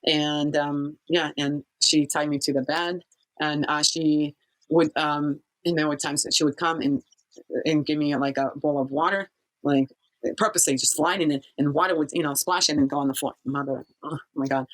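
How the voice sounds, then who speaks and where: A woman from Kazakhstan, a guest in an interview, telling her story haltingly with many pauses and fillers. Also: low voice, steady tone, rough recording. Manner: halting, searching for words, frequent fillers. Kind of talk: personal testimony in an interview.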